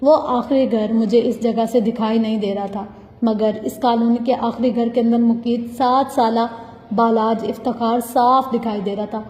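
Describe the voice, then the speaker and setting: Mellow woman narrating in an echoey room. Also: a little high, steady tone. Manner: tearful, intense, heartfelt. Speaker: audiobook narrator. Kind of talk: emotional first-person novel reading. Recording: echoey room with long reverb.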